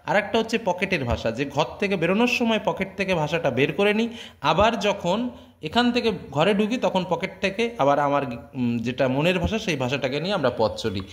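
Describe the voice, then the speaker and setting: A man's voice: high voice, animated, brisk. A man explaining a lesson to students, in a conversational way with many fillers and checking questions. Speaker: teacher.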